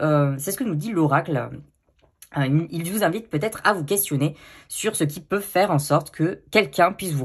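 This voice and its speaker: Husky-voiced woman doing a tarot reading. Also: on the low side. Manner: chatty, with frequent fillers and self-corrections. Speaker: tarot reader. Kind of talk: casual card-reading video.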